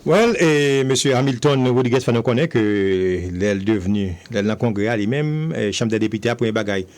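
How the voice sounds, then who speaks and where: A man's voice: mid-range voice, fast, darkish tone. A man, a radio host recapping his guest's points in a casual, hesitant way. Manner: brief affirmations, then switches to Haitian Creole and French to recap. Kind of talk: radio interview.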